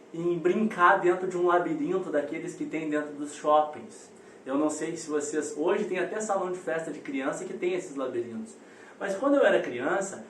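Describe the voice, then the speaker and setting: A man, giving a live online parenting talk as a coach and telling stories animatedly straight to his audience. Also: high voice. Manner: animated storyteller addressing the audience directly. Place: indoor room on a live video call. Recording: roomy echo, distant mic, faint noise.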